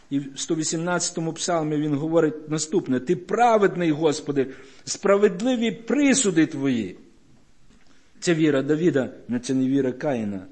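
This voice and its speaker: A man's voice: on the high side, darkish tone. Man preaching with repeated rhetorical questions. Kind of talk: sermon. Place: church.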